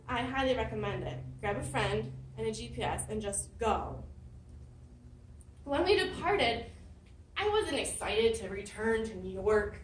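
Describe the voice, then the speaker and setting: Woman, higher voice, story speech, roomy hall, distant mic. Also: slight background noise. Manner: lively storytelling with dramatic emphasis. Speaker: club speaker. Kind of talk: prepared personal story speech. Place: meeting room.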